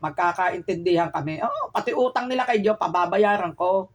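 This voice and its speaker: A woman's voice: on the low side, animated, fairly quick. A woman shopkeeper in casual chat, venting aggrieved complaints to a friend.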